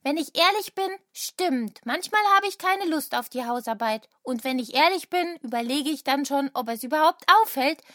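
A woman's voice: high voice, lively intonation, normal speed, hardly any pauses, a bit bright, dry recording, studio quality. A woman voicing a sensible, talkative child in a family audio drama. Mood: thoughtful.

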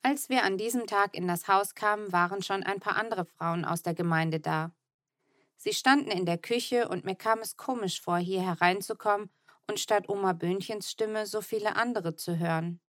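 A woman's voice: mid-range voice, normal speed, no echo, clean studio sound. A woman narrating a children's book in the first person, telling the story evenly and tenderly. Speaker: audiobook narrator.

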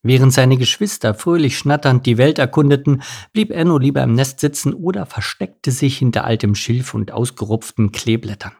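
A man narrating a children's animal story in a lively, playful storybook manner. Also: mid-range voice, moderate pace, creaky, hardly any pauses, husky.

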